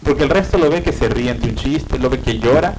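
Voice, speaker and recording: A man with a Peruvian Spanish accent delivers a university lecture at a middle pitch. He explains patiently, padding his points with fillers and tag questions. Clear background noise runs under the recording. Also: expressive, fairly quick. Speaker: psychiatry lecturer.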